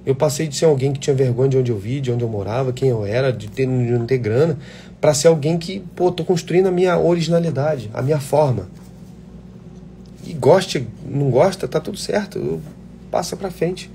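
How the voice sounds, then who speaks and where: Answering questions from would-be performers in a casual live chat, this actor is blunt, fired up, and free with his swearing. He talks fairly quickly in a mellow, mid-pitched, creaky voice, with a faint hum beneath the recording.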